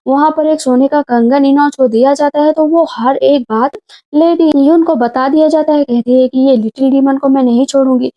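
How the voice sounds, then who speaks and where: A woman's voice: high-pitched, steady tone, normal speed. A woman narrating a drama recap in a casual storytelling way, speaking the characters' lines in her own voice. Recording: dull lo-fi sound.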